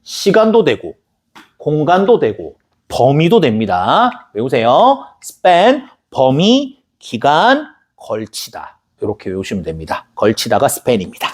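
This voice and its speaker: A husky male teacher gives a recorded lecture, his pitch leaping up and down as he spells out words in bouncing syllables. He chats with his students and breaks off into joking asides before drilling vocabulary again. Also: huge pitch swings, takes it slowly. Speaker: English teacher. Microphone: camera recording a lecture.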